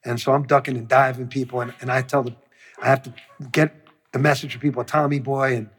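A man's voice: mid-range voice, fairly quick, slight background noise. A man, a music producer, telling a long story in an interview, swearing freely and acting out what people said. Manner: profane, animated storyteller who acts out quotes.

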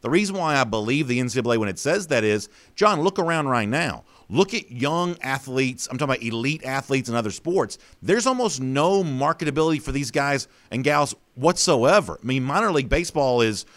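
A man hosting a sports talk program, laying out his opinions in a relaxed, conversational way. His voice sits at an ordinary middle pitch, and he thinks aloud with plenty of "you know" fillers. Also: fairly quick, hardly any pauses.

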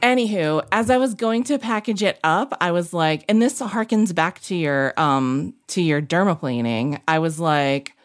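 A woman co-hosting a podcast, telling stories in a chatty, animated way with lots of fillers. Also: fairly low pitch, moderate pace, few pauses, dry recording, studio quality. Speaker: podcast co-host. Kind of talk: casual chat.

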